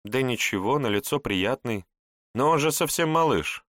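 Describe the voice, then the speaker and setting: A man's voice: mid-range voice, animated, moderate pace, fairly bright tone, dry recording, studio quality, voice pushed up, close to an everyday voice. Man putting on a bashful young maid. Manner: bashful, deferential. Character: young shy maidservant woman.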